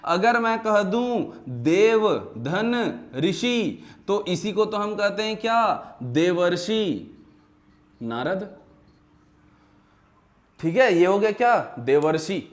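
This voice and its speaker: A male teacher with a Chhattisgarh Hindi accent gives a grammar lecture in a high-pitched voice with lively intonation. He poses questions and answers them himself, repeats the key terms, and slows down, stretching out his words, when spelling things out.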